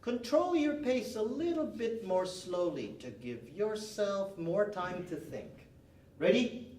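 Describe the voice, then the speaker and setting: Speaking slowly in a high, darkish voice with big pitch swings, this man teaches English indoors, having moved to Canada at nine. He barks short commands and emphatic directions through drills, and the distant mic catches a roomy classroom with faint noise.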